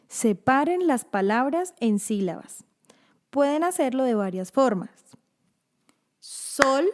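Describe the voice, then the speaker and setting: Female narrator, unhurried instructional read, soft mellow timbre. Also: fairly high pitch. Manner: slow, careful, stretching example words. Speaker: narrator of an educational video for teachers and parents.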